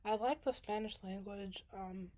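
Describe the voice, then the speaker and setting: A young Sudanese woman, a graduate student, chats casually and rambles, with many fillers and restarts. Her mid-range voice is dark in tone, fairly even in intonation and a little slow.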